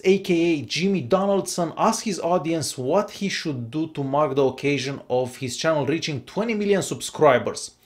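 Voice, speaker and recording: A guest creator with a noticeable accent, giving a chatty intro and then reading a script aloud. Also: medium pitch. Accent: non-native English accent. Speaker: guest youtuber.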